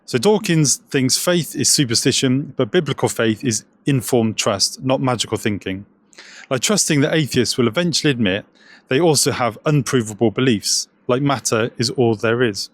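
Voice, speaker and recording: Man, scripted commentary, sarcastic, jokey asides, mid-pitched voice. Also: normal speed.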